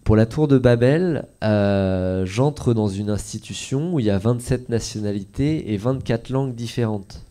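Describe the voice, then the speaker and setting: A man, a comics author, telling an audience about his work in a relaxed, hesitant way with many filler sounds. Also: mid-range voice, unhurried, hardly any pauses. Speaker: comics author at a library talk. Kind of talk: casual talk to an audience.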